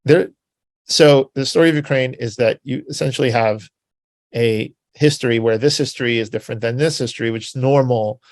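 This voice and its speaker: A man's voice: medium pitch, brisk, no echo. A man giving an informal spoken history talk, rambling and conversational, full of filler words and tag questions. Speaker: presenter.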